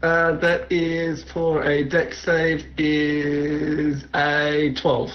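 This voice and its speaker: A man talking casually as a tabletop game player, a little halting as he works out his moves. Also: a little high, monotone. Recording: dull lo-fi audio. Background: music.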